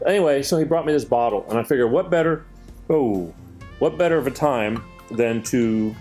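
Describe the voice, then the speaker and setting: A man's voice: mid-range voice, darkish tone. Guy hosting his show, earnest and rambly, lots of ums, faint music behind. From Greek heritage. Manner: rambling, earnest, halting with fillers. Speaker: show host. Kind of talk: casual chat show.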